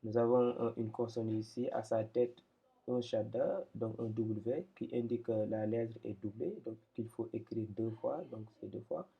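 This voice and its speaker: A man teaching a lesson step by step, patient and hesitant, with many pauses and fillers. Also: medium pitch, vocal fry. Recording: dull lo-fi recording.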